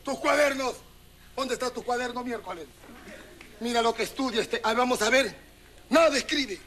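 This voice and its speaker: A man with a Peruvian accent doing a stand-up comedy routine, loudly mock-scolding and teasing audience members on a television set. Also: extremely high pitch, normal speed. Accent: Peruvian Spanish. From Peru. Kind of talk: street-style comic routine with the audience. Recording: loud crowd and noise behind the voice.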